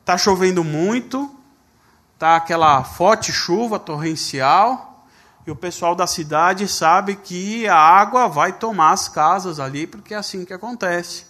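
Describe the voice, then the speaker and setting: High-voiced man preaching a sermon. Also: a little slow, bright, forceful tone. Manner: storytelling with quoted dialogue. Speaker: pastor.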